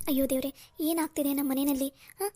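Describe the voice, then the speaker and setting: A fretful middle-aged mother, voiced by a woman in a cartoon family drama. Her voice sits high and moves fast. She soothes her daughter and complains bitterly about her daughter-in-law. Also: flat delivery, dark tone, lightly acted. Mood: worried.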